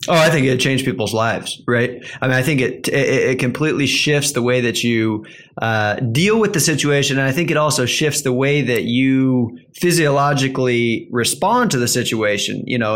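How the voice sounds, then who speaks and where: A man's voice: medium pitch, brisk, fairly bright tone. A man hosting a casual podcast interview, talking conversationally and often tagging his points with "right?". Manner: conversational, many fillers and "right?" tags. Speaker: podcast host.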